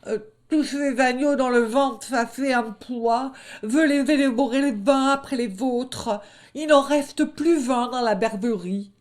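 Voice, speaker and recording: A woman's voice: high voice, unhurried, voice pushed up. A woman voicing a boastful young male wolf who blusters and stammers when caught out, in a storybook reading. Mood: sheepish.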